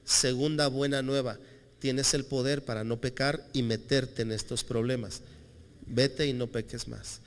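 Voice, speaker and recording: A man preaching voices Jesus as a gentle, merciful adult man, speaking softly and slowly. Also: medium pitch, steady tone, clear, resonant tone, long reverb tail, pitched below the performer's own voice, natural voice. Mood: tender, solemn. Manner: soft, slow and hushed.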